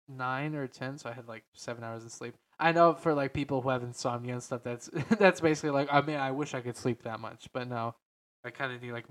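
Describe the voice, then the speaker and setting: A man hosting a casual podcast on entertainment in a deep, slightly stuffy voice, rambling and correcting himself as he goes. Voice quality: slightly stuffy, nasal sound. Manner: hesitant, rambling, self-correcting, frequent "like". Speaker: podcast host. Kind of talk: casual unscripted podcast talk about games and films.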